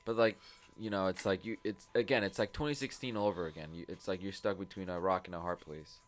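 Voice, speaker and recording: Deep-voiced young man, rambling and tipsy. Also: steady tone, fast talker. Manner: rambling, circles back with lots of fillers. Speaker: podcast co-host. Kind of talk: casual chat.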